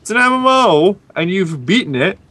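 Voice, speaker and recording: A man's voice: sits high, very animated, moderate pace, sharp tone, no echo. A man talking casually while gaming with friends, needling them in an incredulous tone. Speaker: gamer in a group play session. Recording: voice chat with clear game noise. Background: video game sounds.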